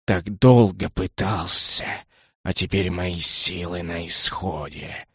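A man doing a slow booming river dragon. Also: no echo, close to an everyday voice. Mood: weary. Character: huge weary river-spirit dragon, male, mournful. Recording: dry close studio sound.

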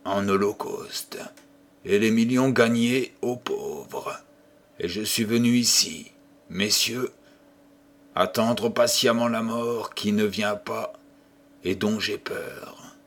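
A man reading an audiobook and voicing a tormented old gambler who swings from hushed whispers to furious outbursts. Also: lowish voice, slow, long pauses. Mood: despairing. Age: older. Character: raving old male gambler haunted by the devil.

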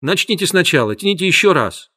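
Guy doing a gentle worried mom in a storybook, a bit higher, pleading. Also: very animated, fast talker, full character voice. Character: gentle worried mother of many children. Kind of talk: audiobook character voice.

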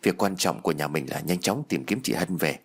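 A man voicing a timid younger brother who speaks hesitantly to calm his family. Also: sits low, brisk, slightly rough, pitched below the performer's own voice, heavily acted. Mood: placating. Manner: hesitant, placating. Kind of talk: audiobook character voice.

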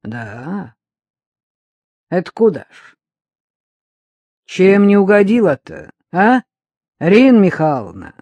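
A reader voicing Lyubka, a brash, rough-spoken young woman and former convict, loud and mocking, in an audiobook. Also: mid-range voice, expressive, slow pace, long pauses, dry recording. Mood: indignant.

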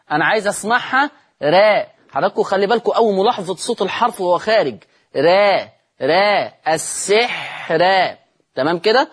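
A man with an Egyptian accent teaching Quran recitation in a televised lesson, drawing out words slowly to show how they sound and asking the viewers rhetorical questions. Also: high voice, slightly rough. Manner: draws out words slowly to demonstrate pronunciation.

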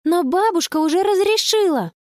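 A woman's voice: normal speed, dry recording, clean studio sound. Woman doing an eager, squealing young girl. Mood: pleading. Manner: excited, high exclaiming voice.

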